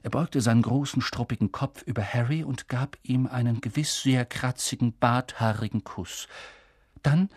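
A man narrating an audiobook in a calm, even storytelling manner. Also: mid-range voice, moderate pace, husky, dry recording, clean studio sound. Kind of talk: scripted narration.

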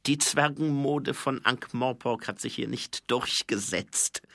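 A man's voice: mid-range voice, takes it slowly, creaky, a bit bright, dry recording, clean studio sound, voice pushed up. A man voicing a timid, earnest young female dwarf who speaks hesitantly and apologetically in a raised voice. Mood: sheepish.

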